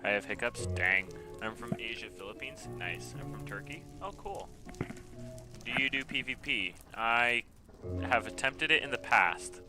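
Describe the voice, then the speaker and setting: A man in his twenties from the United States, casually streaming a game and answering chat messages in a relaxed way. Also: mid-range voice, a little slow. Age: 20s. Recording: game music playing behind the voice. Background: background music.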